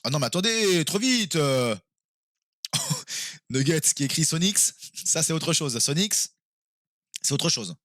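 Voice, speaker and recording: A man streaming live and playing a quiz game with his viewers, excitable and quick to exclaim and swear when he is stuck. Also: a little high, no room sound, clean studio sound.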